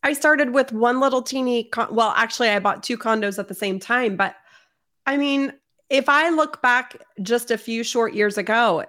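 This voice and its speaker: A woman's voice: a little high, moderate pace, fairly bright tone. A woman hosting a casual interview podcast, enthusiastic and affirming toward her guest. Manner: enthusiastic, affirming, says amen. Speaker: podcast host.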